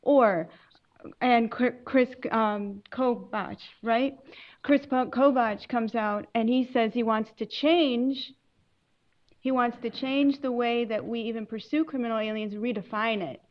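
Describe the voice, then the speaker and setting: A woman from Lebanon speaking on a legal panel, earnest and emphatic, pausing and correcting herself as she explains. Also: on the high side, highs cut off. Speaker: immigration attorney on a panel. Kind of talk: panel talk to an audience.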